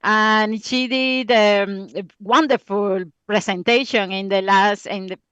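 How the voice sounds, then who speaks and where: A woman's voice: medium pitch, steady tone, slow pace, fairly bright tone, smooth. A woman with a Spanish accent chatting as a guest on an online quiz over a video call, hesitant and repeating words. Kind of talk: casual chat.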